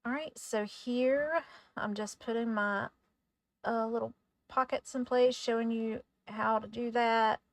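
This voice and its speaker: A woman hosting a craft tutorial in a casual voice-over, chatty and relaxed, sometimes stumbling over her words. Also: on the high side, measured pace, dry recording.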